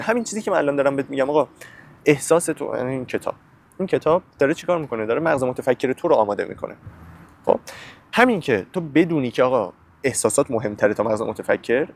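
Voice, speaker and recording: A man hosting a podcast, giving a casual spoken book summary and talking straight to the listener with slangy everyday examples. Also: mid-range voice.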